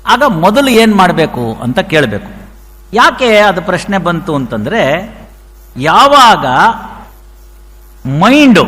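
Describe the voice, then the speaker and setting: Lively high-voiced man lecturing in a hall. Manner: explanatory, cites verses. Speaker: speaker on scripture.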